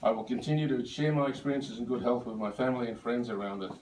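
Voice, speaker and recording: A man's voice: mid-range voice, fast, darkish tone, slight background noise. Older man, rambling speech with asides, recorded from a distance in a roomy hall. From Australia. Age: 70s. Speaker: birthday speaker. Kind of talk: speech at a birthday lunch. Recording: echoey room, voice from far off.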